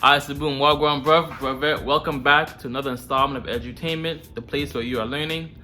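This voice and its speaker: A man hosts a self-improvement series, speaking directly to the viewer in a casual, slangy, informal style. His mid-range voice holds a steady tone, and he talks fast over loud music.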